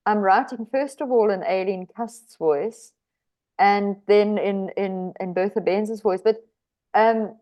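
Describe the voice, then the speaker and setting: A woman's voice: medium pitch, takes it slowly, warm tone. A woman from South Africa with a South African accent, an author answering podcast interview questions with lots of hesitant restarts and easy laughter. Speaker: author guest.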